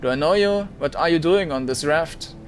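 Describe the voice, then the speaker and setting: A man's voice: fairly high pitch, normal speed, a little hiss or hum, natural voice. A man voicing a wary, weary woman worker in a game, speaking in a guarded, terse way.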